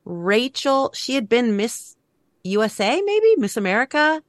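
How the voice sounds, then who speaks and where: A woman's voice: fairly high pitch, a little slow, dry recording, studio quality. A woman co-hosting a podcast, telling chatty stories in casual chat. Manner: chatty, animated storyteller. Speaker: podcast co-host and author.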